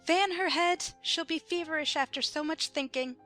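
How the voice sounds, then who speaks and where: The imperious, highish-voiced queen in a children's audio play, quizzing pupils over background music woman acting. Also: sing-song, normal speed, fairly bright tone. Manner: haughty, contradicting, schoolmistress-like. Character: bossy, pedantic Red Queen, an imperious chess-piece monarch. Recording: music behind the voice.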